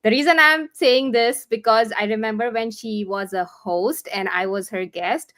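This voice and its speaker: A woman's voice: fairly high pitch, a bit bright. A woman hosting a casual live online interview, earnest and encouraging, often restarting her sentences. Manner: halting, with many restarts and fillers. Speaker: host.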